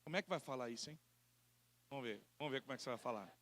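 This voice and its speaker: A male pastor with a Brazilian Portuguese accent, preaching an animated sermon and acting out people's excuses in quoted voices. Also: medium pitch, rapid-fire.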